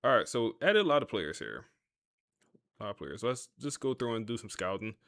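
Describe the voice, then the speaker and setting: A man's voice: medium pitch, big pitch swings, brisk, a bit bright, no room sound, studio quality. A man hosting a gaming livestream, chatting casually to his viewers in a laid-back, talkative way while he plays. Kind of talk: casual live-stream commentary.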